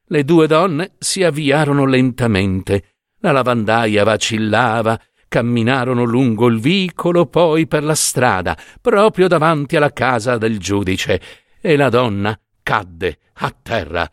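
A man reading a fairy tale aloud in an expressive, unhurried way. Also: medium pitch, dry recording, studio quality. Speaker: storyteller.

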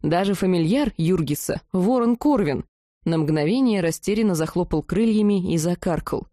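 A woman reading a first-person fantasy audiobook, telling the story in a lively, expressive way. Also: fairly low pitch, moderate pace, no room sound, studio quality. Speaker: audiobook narrator.

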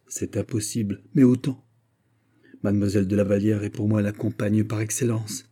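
A man's voice: on the low side, warm tone, slightly rough. A man reading the part of an earnest young nobleman who pleads with his father, in a raised, tense voice. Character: young nobleman, earnest, stubborn, devoted son. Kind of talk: audiobook character reading.

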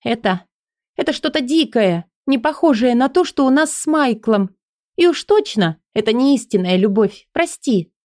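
A woman voicing a torn young woman in an audiobook, speaking high and breathless as she pleads. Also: animated, normal speed, a little mellow, no echo, clean studio sound, lightly acted. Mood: tender pleading.

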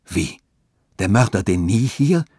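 A man's voice: fairly low pitch, lively intonation, a little slow, darkish tone, breathy edge, dry recording, studio quality, full character voice. A man reading a radio story, voicing a respected canon who questions in shock and disbelief. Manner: incredulous questioning.

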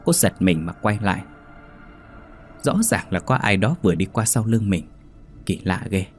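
A man narrating a horror story in a steady, measured storytelling voice. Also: deep voice, faint music behind.

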